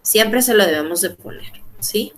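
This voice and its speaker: A woman's voice: mid-range voice, animated, measured pace, a bit bright. A woman teaching an English grammar class in Spanish, explaining step by step and often checking in with her students. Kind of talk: online class lecture.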